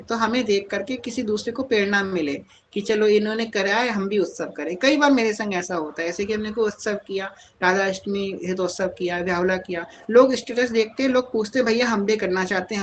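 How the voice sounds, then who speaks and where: Calm woman spiritual guide, mid-pitched, teaching patiently on a live call with faint noise behind her. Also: low-quality recording. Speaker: spiritual guide answering devotees. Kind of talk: devotional Q&A talk on a live call.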